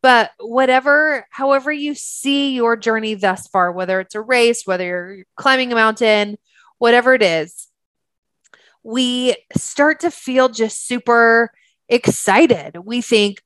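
A woman's voice: fairly high pitch, a little slow, a bit bright, clear, resonant tone, no room sound. A woman hosting a podcast as a therapist, talking in an earnest, chatty way with many fillers. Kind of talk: conversational podcast monologue.

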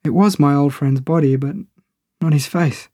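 A man's voice: on the high side, fairly even intonation, normal speed, mellow, no echo, studio quality. A man narrating a first-person audio story in a wry, conversational way.

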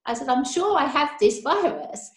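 A woman's voice: sits high, sing-song, moderate pace. A woman, a nurse being interviewed, telling a personal account in conversational detail. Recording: roomy, echoey call audio.

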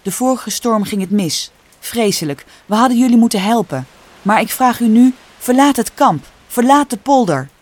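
A woman voicing a stern, worried middle-aged farmer who speaks loudly. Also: medium pitch, animated, a little slow, hardly any pauses. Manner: loud, stern. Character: gruff anxious middle-aged farmer man.

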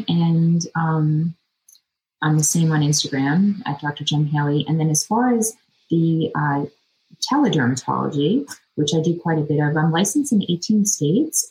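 A woman's voice: low-pitched, darkish tone, poor audio. A middle-aged woman, a dermatologist guest, explains things casually in informal, plain words. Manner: informal, plain-worded, frequent "you know" and "like". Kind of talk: casual explanatory interview talk.

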